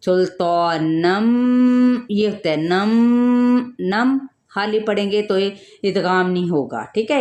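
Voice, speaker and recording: Woman tajweed teacher, lowish voice, unhurried step-by-step explanations. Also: a little mellow. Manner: explains rules step by step, stretches recited words slowly. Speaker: Quran recitation teacher. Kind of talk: tajweed lesson, explaining then reciting.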